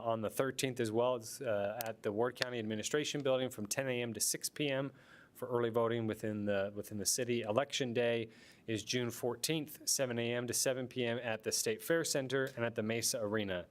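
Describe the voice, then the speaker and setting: A man moderating a candidate forum, reading out questions and voting reminders with a few fillers. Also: medium pitch. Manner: reads questions and announcements with fillers.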